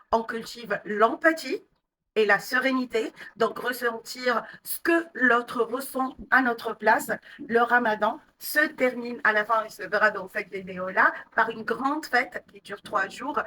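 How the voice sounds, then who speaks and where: French teacher lady, slow careful lesson, sounds a bit far from the mic. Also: fairly high pitch, bright, forceful tone. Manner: patient, explains step by step with many pauses and fillers. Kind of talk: language lesson explaining vocabulary and pronunciation.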